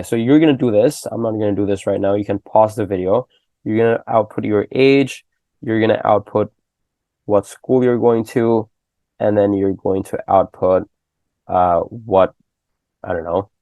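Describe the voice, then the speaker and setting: Young male tutor, dark gravelly tone, laid-back conversational delivery. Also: fairly low pitch, no echo. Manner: loose and conversational, full of "okay?" and "right?" checks. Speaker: programming tutor. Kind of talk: casual screen-recorded coding lesson.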